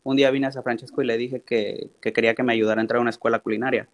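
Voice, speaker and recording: A man, a guest in an interview, telling his story in a relaxed, animated way and acting out quoted dialogue. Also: medium pitch, rapid-fire. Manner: repeats "literal" often. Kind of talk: casual storytelling.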